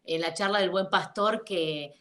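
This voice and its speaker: A woman's voice: fairly low pitch, unhurried. An Argentine woman interviews a guest over a video call. She adds short, casual prompts. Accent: Argentine Spanish. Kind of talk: casual chat.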